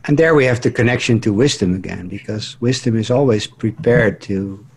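A man co-hosting a radio talk show about the mind, speaking casually and haltingly, often repeating words as he searches for them. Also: mid-range voice, slight background noise. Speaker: co-host.

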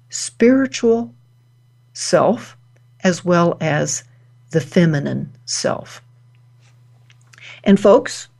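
Unhurried female host, middle pitch, reflective wellness talk with measured pauses. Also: darkish tone. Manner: slow, deliberate, pausing between phrases.

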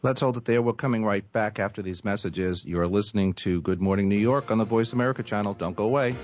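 Brisk, low-pitched male radio host. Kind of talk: radio interviewing. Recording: slightly dull dry radio audio.

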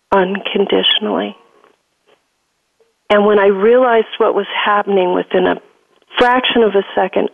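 Woman telling her spiritual story real slow over the phone, gravelly voice, tinny line. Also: medium pitch, no room sound. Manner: slow, deliberate storytelling with repeated phrases. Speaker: guest. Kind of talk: emotional spiritual testimony. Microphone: telephone. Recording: dry phone-line audio.

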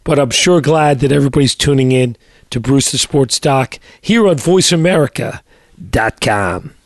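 A middle-aged male doctor co-hosting a sports talk show, his voice hoarse and a little raspy, talking in a measured way with many fillers and restarts. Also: medium pitch, no echo, clean studio sound. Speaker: co-host, doctor.

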